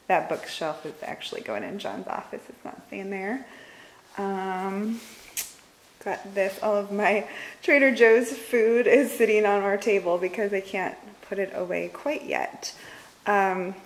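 In an upbeat home tour vlog, a woman in her thirties carries a handheld camera through a spacious house with an open living room and kitchen, filming herself off screen and chatting casually with many fillers. She speaks unhurriedly at medium pitch with fairly even intonation. There's slight background noise on a low-quality recording.

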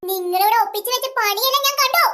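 A smug rich schoolgirl with a very high, bright voice, as a woman puts her on. She talks in a teasing, bossy way, like a tattletale ready to spoil the others' plan in a comedy skit. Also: fast talker.

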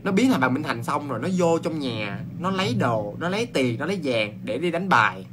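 Chatty Southern Vietnamese ghost-story teller. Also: male voice, a little high, a little fast, noisy background. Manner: chatty, exclaiming, animated with many restarts. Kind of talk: casual ghost-story telling.

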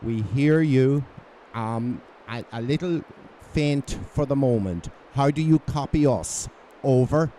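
A man's voice: medium pitch, slow, few pauses, mellow, a little hiss or hum. An older man operating a radio on stage with a handheld microphone, formally spelling out call signs in phonetic alphabet. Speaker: radio operator hosting a school contact. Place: school hall stage.

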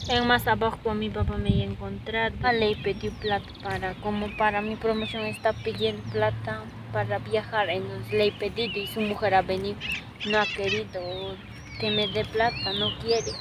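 An actress playing a young daughter who recounts being shouted at and beaten, in plain rural Spanish. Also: female voice, mid-range voice, level tone, moderate pace, noisy background, lightly acted. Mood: upset. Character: young daughter telling of a beating. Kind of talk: amateur drama acting. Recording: music bed behind.

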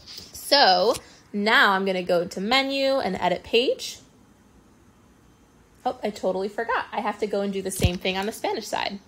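A woman speech-language pathologist giving a casual step-by-step software tutorial, explaining as she clicks, with frequent ums. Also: medium pitch, lively intonation, normal speed, long pauses. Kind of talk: screen-recorded software tutorial.

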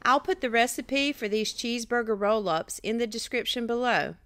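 Woman vlogger, smooth clear voice, slightly high, dry close recording. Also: moderate pace, fairly bright tone, no room sound. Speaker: vlog co-host. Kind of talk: casual vlog talk to camera.

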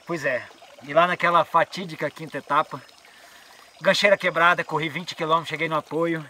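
Lively Brazilian man telling a trail story. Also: a little high, a little fast, a little hiss or hum. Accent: Brazilian Portuguese. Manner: lively storyteller who acts out what people said. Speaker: mountain biker vlogger. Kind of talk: casual vlog storytelling. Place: outdoors on a trail.

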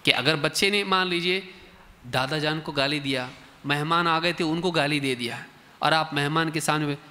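A man giving a colloquial, lively religious workshop talk, acting out exchanges between parents and children. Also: on the high side, normal speed. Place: large mosque hall, indoors. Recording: reverberant mosque hall.

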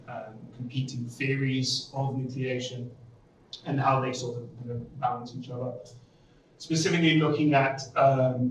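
A man, an application scientist, giving a technical conference talk, steady and full of ums. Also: medium pitch, slight background noise. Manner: steady lecturing with frequent ums. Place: lecture room. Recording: echoey room from far off.

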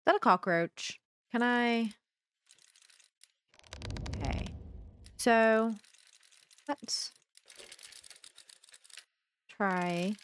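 Indoors in a small room at home, a young adult woman who hosts gaming videos thinks aloud and reacts during a casual playthrough, speaking into a close desk microphone on an arm. Her fairly high voice is clear and resonant, with drawn-out words and long pauses.

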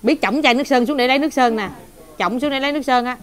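A woman's voice: high voice, racing. A woman chatting casually and teasing playfully in a nail salon, now and then switching into English. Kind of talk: casual chat.

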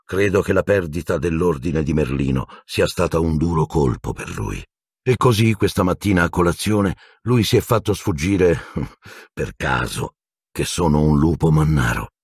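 A man voicing a gentle, weary middle-aged teacher who speaks softly and sighs with resignation. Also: a bass voice, expressive, moderate pace, breathy edge, no echo, studio quality, exaggerated voice. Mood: resigned, weary. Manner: soft, sighing, resigned.

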